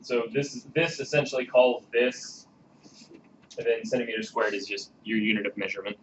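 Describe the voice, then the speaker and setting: This programming lecturer, a man in his thirties, speaks fairly quickly in a level, mid-range voice. He keeps his classroom lecture chatty and relaxed, nudging students to ask questions, and the audio is dull and lo-fi with faint background hiss.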